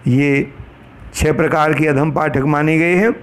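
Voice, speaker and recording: A man teaching a lesson in a slow, deliberate way, laying out each point one by one. His voice sits high for a man, and he recites verses in a chanting cadence. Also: steady tone, clean tone. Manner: slow, measured explanation, recites Sanskrit verses. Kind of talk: lecture on pronunciation for trainee teachers.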